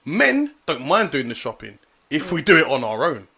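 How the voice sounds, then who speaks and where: A man, co-hosting a podcast and chatting in a lively, laughing storytelling way. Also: on the high side, moderate pace, gravelly, slightly rough. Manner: animated, laughing storyteller who acts out other people. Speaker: podcast co-host. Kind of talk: casual banter.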